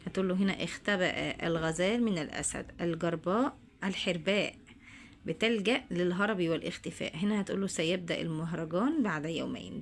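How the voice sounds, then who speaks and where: A woman teacher with an Egyptian accent, walking students through homework answers and addressing them directly. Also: lowish voice. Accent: Egyptian Arabic. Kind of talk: homework walkthrough lesson.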